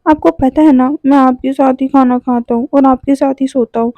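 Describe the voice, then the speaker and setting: A woman's voice: high voice, fairly even intonation, normal speed, no room sound, dull audio. A woman doing a whiny, pouting young man. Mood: whiny pleading. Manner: whiny, pleading. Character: clingy, pouting young man crying for his uncle. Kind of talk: storytelling voice acting.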